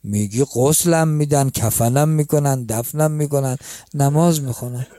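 In a storytelling sermon, a male preacher with a medium-pitched, mellow voice recounts a religious story conversationally, turning to speak to his listeners as friends. The recording is dry.

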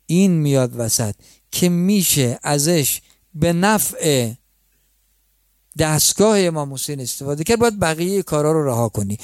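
Guy preaching, telling a story super conversational, talks to the crowd like friends, mellow dry sound. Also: a little high, dry recording. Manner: conversational, addresses listeners as friends. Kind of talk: storytelling sermon.

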